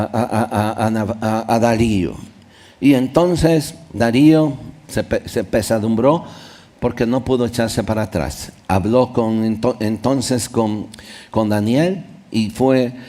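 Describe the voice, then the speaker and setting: A male pastor preaching a sermon in a church, reading Bible verses aloud and explaining them, with sudden loud rises and soft drops. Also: lowish voice.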